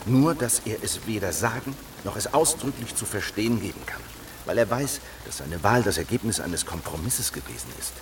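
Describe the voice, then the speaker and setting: A man with a fairly low voice plays the steady, unwavering leader of a clandestine heretical circle in a German radio drama. He persuades with certainty at an ordinary speed, against a noisy background.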